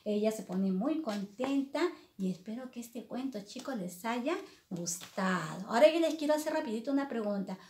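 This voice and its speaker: A middle-aged woman telling a story to young children, animated and addressing them by name. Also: fairly high pitch, moderate pace, echoey room.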